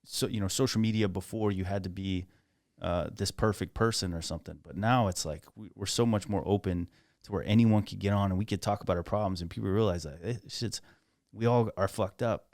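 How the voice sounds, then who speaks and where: Relaxed podcast host, low voice. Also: male voice, fairly quick, no echo, clean studio sound. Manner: relaxed, agreeable, casually profane. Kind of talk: casual conversation. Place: podcast studio.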